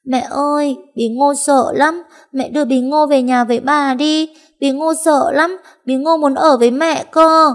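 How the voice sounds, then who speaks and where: A woman's voice: high voice, steady tone, unhurried, pitched above the performer's own voice. A woman voicing a small, frightened little girl who whimpers and pleads through tears. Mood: crying, pleading.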